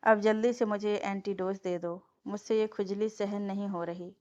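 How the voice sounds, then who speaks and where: A woman's voice: medium pitch, steady tone, moderate pace, warm tone, dry recording, lightly acted. A woman voicing a feisty young bride who snaps when annoyed and coaxes sweetly when she needs something, in a storybook reading. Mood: pleading. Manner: irritated, then sweetly pleading. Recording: dull lo-fi dry recording.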